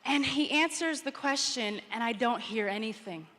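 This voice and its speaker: A woman's voice: fairly high pitch, normal speed, bright, forceful tone. A woman in her thirties giving a motivational conference speech, telling a personal story and acting out the quotes. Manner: storytelling, acts out quotes with rising energy. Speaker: public speaker. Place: conference hall, indoors. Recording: reverberant conference hall.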